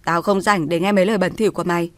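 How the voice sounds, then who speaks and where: A woman's voice: fairly low pitch, fairly even intonation, very fast, dry recording, close to an everyday voice. A woman voicing a cruel older mother-in-law, scolding in a harsh, cutting way. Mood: furious scolding.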